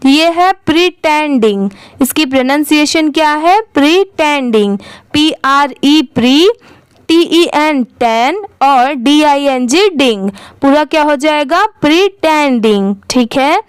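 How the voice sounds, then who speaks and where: Woman, high voice, dry close recording, English reading teacher, spells letters then blends words. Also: slow pace, no echo. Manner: asks the viewer questions and answers them herself.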